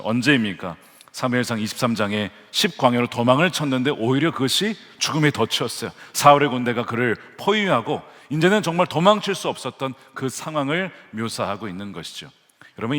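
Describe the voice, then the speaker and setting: This pastor's mid-range voice has a slight brightness as he preaches his Sunday sermon. Earnest at first, he rises to fervent emphasis whenever he quotes scripture, and the large sanctuary gives the audio a long hall reverb.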